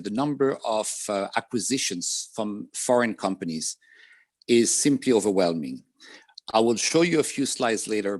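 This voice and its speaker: Pausing with "um" between his points, a man from France presents calmly as a video-call panelist, speaking with a French accent. He has a lowish voice, and there's no room sound at all.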